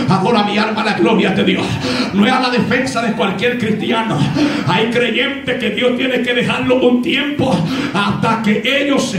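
A man preaching a fiery sermon as an evangelist, shouting and stretching his words, with frequent cries of praise. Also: very high-pitched. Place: church hall with congregation. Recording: very echoey hall, music and crowd behind.

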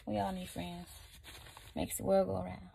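Chatty gravelly-voiced woman vlogger. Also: lowish voice, monotone, moderate pace, warm tone, a little hiss or hum. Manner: chatty, loose, slangy asides. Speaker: vlogger and online seller. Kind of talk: casual chat while packing orders.

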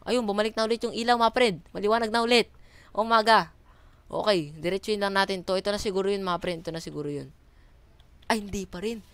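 A woman's voice: medium pitch, fast talker, clear, resonant tone, dry recording. A woman with a Filipino accent giving casual commentary on a horror game, jumpy and screaming at the scares. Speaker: gaming streamer.

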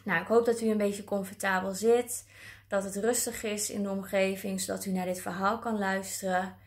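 Soft-spoken caregiver lady doing a vlog intro, lots of ums, gentle. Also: mid-range voice, level tone, moderate pace. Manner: gentle, hesitant with many fillers. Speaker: spiritual caregiver. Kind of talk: vlog intro and reading a children's story aloud.

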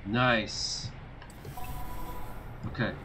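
A man's voice: lowish voice, steady tone, drawn-out words. A man giving casual let's play commentary in brief, laid-back remarks. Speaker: gamer, let's play host. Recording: game noise behind voice.

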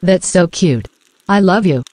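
A woman's voice: lowish voice, lively intonation, a little slow, noisy background. Playful, foul-mouthed young woman gamer. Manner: playful, swears freely, talks to game characters. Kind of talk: casual gameplay commentary.

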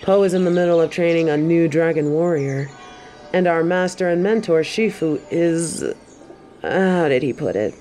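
A woman playing a stern but warm-hearted tiger kung fu master in a roleplay audio, speaking in a measured, composed way to the listener. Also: fairly low pitch, faint music behind, close to an everyday voice. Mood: calm, formal. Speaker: voice actor in a fan roleplay audio. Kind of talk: scripted roleplay addressed to the listener.

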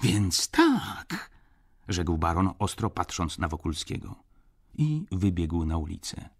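A man narrating a classic novel as an audiobook in an expressive, animated reading. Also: low voice, a little slow, creaky. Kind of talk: scripted literary narration.

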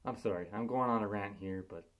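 A man's voice: lowish voice, quick pace, fairly bright tone. A young man in a casual vlog, muffled through a costume head, talking earnestly with stumbling restarts. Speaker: vlogger.

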